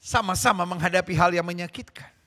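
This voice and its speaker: A middle-aged male pastor preaching a sermon with fervent emphasis, moving between hushed and emphatic delivery. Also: sits high, fairly quick.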